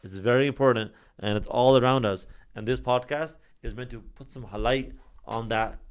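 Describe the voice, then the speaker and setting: A man's voice: mid-range voice, moderate pace, smooth. A man hosting a podcast in a studio, talking in a chatty, rambling way with lots of fillers. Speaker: podcast host. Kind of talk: casual podcast monologue. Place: recording studio.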